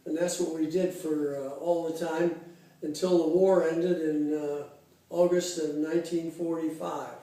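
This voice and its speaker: A man in his eighties from Cincinnati, Ohio, recalling his life in an interview, unhurried and halting with many fillers. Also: on the high side, flat delivery, dark tone. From Cincinnati, Ohio, USA. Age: 80s. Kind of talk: casual oral history interview. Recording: very echoey room, voice far from the mic.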